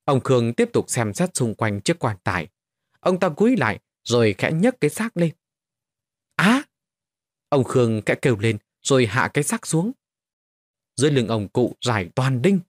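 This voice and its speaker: A man narrating a scripted horror story with an expressive, lively delivery. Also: mid-range voice, moderate pace, no room sound. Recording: dry voice over faint music.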